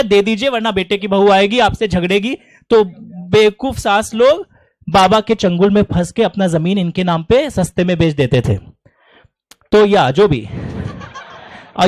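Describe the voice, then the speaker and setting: A middle-aged man with an Indian English accent teaching law to a classroom, animated and teasing, reciting definitions slowly word by word. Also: high voice, dry recording.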